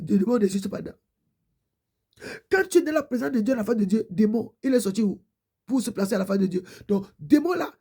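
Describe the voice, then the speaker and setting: Gravelly, husky woman preacher. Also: mid-range voice, mellow. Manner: repetitive, pleading prayer lines. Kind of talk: fervent exhortation and prayer.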